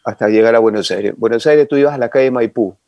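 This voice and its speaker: An older man, telling long animated stories as an interview guest. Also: mid-range voice, quick pace, dry recording, highs cut off. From Ecuador. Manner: animated, rambling reminiscence with sound effects. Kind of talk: casual storytelling interview.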